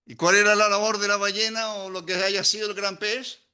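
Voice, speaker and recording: An older man preaches with a Chilean Spanish accent. His voice is bright and somewhat high-pitched. He talks in a lively way, often turning to the audience with questions and light jokes. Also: a little fast, clean tone. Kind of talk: sermon.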